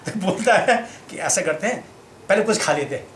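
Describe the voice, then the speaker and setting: A man's voice: high-pitched, moderate pace. A man telling a humorous personal story at a scripture class, acting out the dialogue as he goes and often mixing English phrases into his talk. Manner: animated, laughing, acts out dialogue; mixes Hindi with English phrases. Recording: echoey room with background noise.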